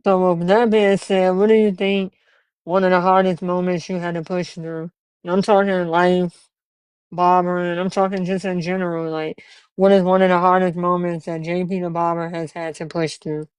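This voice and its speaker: A man in his twenties hosts a podcast in a casual interview chat, earnest and encouraging as he shares stories about starting out as a barber. His high-pitched voice is smooth and flat at a moderate pace, and the dry recording has poor audio.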